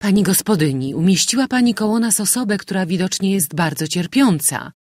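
A man's voice: high voice, lively intonation, a little fast, dry recording, clean studio sound, voice pushed up. Guy doing a worried noble mom, raised voice, pleading and urgent, novel reading. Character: anxious aristocratic mother, marquise.

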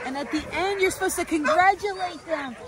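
A woman's voice: very high-pitched, fairly quick, over a noisy crowd. A woman vlogging at a glacier dog camp, exclaiming and cooing at the sled dogs. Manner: gushing, exclaims often, coos at dogs. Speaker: travel vlogger. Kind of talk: excited travel vlog narration. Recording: outdoor wind and dog noise.

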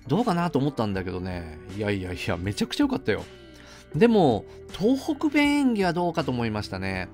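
Chatty man reviewing a film, lively pitch. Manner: chatty, conversational asides, frequent fillers. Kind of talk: casual solo film review.

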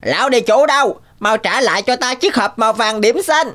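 A woman's voice: a little high, animated, brisk, fairly bright tone, a little hiss or hum. A woman voicing a brave little male rooster in a cartoon, speaking boldly and scolding. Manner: bold, scolding.

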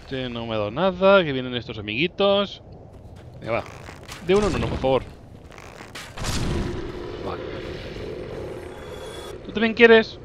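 A young man with a Spain Spanish accent talks through his gameplay in a lively, swooping voice that jumps up at every close call. He teases enemies, yelps and laughs as he plays, with a faint hiss of noise under the voice. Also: mid-range voice, moderate pace, long pauses, muffled recording. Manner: excitable, teasing enemies, frequent yelps and laughs. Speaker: gameplay commentator. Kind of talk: playful let's-play commentary.

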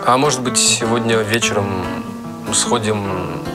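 An actor playing an awkward, apologetic young suitor. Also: male voice, fairly low pitch, unhurried. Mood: shy, hopeful. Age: young adult. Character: awkward young suitor in a romantic comedy-drama. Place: indoors in a corridor. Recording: loud guitar music over dialogue.

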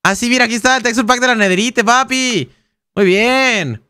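A man's voice: very high voice, normal speed, bright, forceful tone, clean tone, no echo, clean studio sound. A young man with a Mexican Spanish accent, casually thinking aloud and chatting while streaming a game. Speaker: gaming streamer. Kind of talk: casual live-stream commentary.

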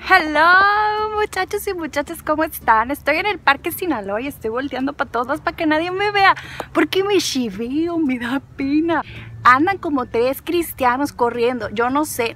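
This casual park vlog features a woman with a Mexican accent and a high, pushed, bright voice at normal speed. She strolls outdoors, rambling playfully both to herself and to the camera.

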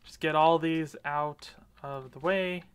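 A gaming video creator talks over his gameplay in a casual, upbeat ramble packed with fillers. His voice sits a little high, with a steady tone, a slow pace, and a clean sound.

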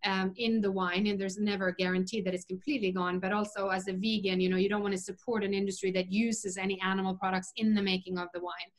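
An earnest woman speaks as a guest on a video call interview. She explains her views at length, opinionated and relaxed, with plenty of ums and uhs along the way. Her pitch sits in the middle. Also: fast, hardly any pauses. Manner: earnest, opinionated, many fillers. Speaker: interview guest, vegan chef. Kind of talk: casual conversational interview.

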